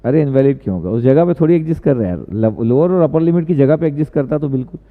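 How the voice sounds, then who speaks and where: Fast and a little high-voiced, this male tutor runs a casual live-stream lesson, chatting and responding to viewer questions. He tends to repeat himself, and the sound comes through tinny, echoey and lo-fi.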